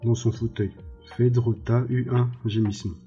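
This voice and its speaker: A man reading a novel aloud in a calm, even narration. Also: mid-range voice, moderate pace, dull audio, faint music behind. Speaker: audiobook reader. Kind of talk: scripted narration.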